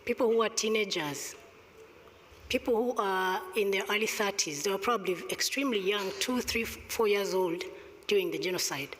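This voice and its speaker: A slight hiss or hum runs under the reverberant hall sound as a middle-aged woman with a Rwandan accent addresses a conference panel. Speaking on stage into a gooseneck table mic in a medium-pitched, somewhat bright voice, she argues emphatically and deliberately, asking pointed rhetorical questions.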